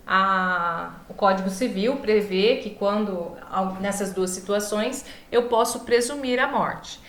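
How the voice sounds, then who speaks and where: A woman's voice: medium pitch, slow pace, fairly bright tone. A Brazilian woman teaching an online law class informally, her speech slightly impeded by a swollen mouth as she stumbles over long words and corrects herself. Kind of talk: online lecture, informal explaining. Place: echoey room, online class. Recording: echoey room.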